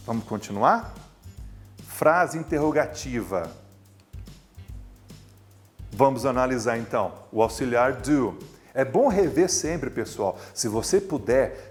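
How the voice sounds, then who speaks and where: A Brazilian man teaches English grammar in a recorded lesson, his voice rising and falling in lively swoops. He explains patiently and stretches key words for emphasis. Soft music plays faintly underneath. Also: mid-range voice. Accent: Brazilian Portuguese.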